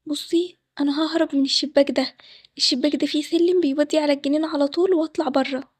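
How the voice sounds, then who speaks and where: A woman's voice: high voice, fairly even intonation, no echo, lightly acted. Woman voicing a desperate young bride. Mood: pleading. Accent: Egyptian Arabic. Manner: fast and pleading.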